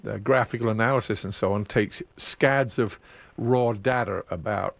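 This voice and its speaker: Chatty radio host, dry mic. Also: male voice, fairly low pitch, normal speed, gravelly, a bit bright, dry recording. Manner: chatty, digressive, laughs at his own asides. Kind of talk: casual radio chat.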